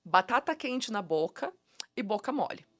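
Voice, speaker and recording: A woman with a Curitiba accent talks as a guest English teacher on a podcast. She sounds playful and animated, laughing easily as she explains. Her voice sits at a middle pitch and is recorded dry and close. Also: moderate pace, no room sound. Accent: Curitiba Brazilian Portuguese. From Curitiba, Brazil. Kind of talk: casual podcast interview.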